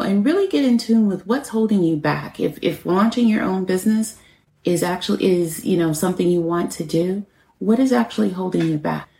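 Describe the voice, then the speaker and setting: Low mellow-voiced woman podcast host. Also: vocal fry. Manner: encouraging, conversational, frequent "you know" fillers. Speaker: podcast host and business coach. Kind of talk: motivational solo podcast talk. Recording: roomy echo.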